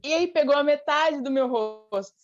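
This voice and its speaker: A Brazilian singer, born in Rio de Janeiro state and raised in Paraná from age eight, chats casually as an interview guest. Her fairly high voice moves at a moderate pace as she tells stories in a lively, informal way. The audio is a bit dull and lo-fi.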